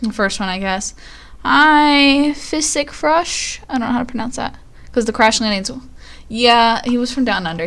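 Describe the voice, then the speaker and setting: A woman streamer with a medium-pitched, slightly bright voice chats casually on a live stream. She rambles and pokes fun at herself.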